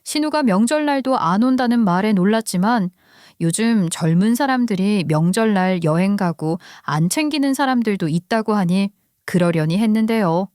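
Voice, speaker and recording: A woman's voice: medium pitch, darkish tone, no echo, clean studio sound. A woman narrating a first-person story in a conversational, confiding way.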